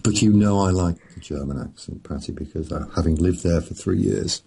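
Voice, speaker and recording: A middle-aged man, an author, chatting casually in a slow, rambling, storytelling way with a chuckle here and there. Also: warm tone, a little hiss or hum, low-quality recording. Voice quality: very deep gravelly voice. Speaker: author and podcast guest. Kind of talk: casual chat.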